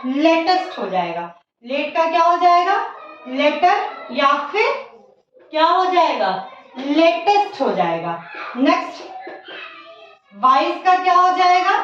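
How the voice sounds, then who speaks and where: A woman teaches a grammar lesson in a very high, slow voice, repeating each word and asking her class what it becomes. The recording is very echoey and dull, as if she stands far from the mic in a bare room. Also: slight background noise. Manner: slow, repeats key words and asks the class questions; mixes Hindi with English terms. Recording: echoey, distant, dull lo-fi sound.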